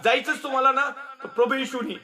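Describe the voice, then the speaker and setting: A man's voice: very high-pitched, flat delivery, a little fast, sharp tone. A male pastor preaching a sermon in a mocking, scolding way, often laughing as he talks.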